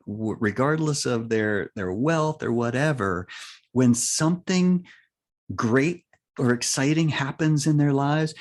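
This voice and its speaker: Man, interview guest, life coach, earnest, conversational, mid-pitched voice. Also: darkish tone. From United States. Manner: earnest, explanatory, frequent "right?" check-ins.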